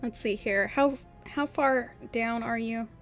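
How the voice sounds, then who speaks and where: Woman game master, slow soft narration, higher voice, faint music behind. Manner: laughs often, soft-spoken narration.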